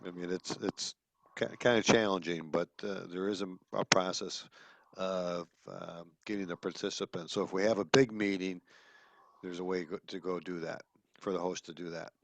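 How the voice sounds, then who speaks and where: Low-voiced man explaining on a call. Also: fairly even intonation, normal speed. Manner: explains step by step with fillers. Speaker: meetup participant. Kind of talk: casual video call chat. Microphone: computer mic on video call.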